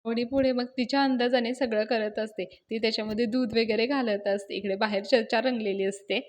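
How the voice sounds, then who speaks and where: A woman's voice: on the high side, fairly quick. A woman in a casual storytelling recap, chattily retelling a TV serial episode and talking to her listeners. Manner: chatty, animated, addresses listeners. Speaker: TV serial reviewer.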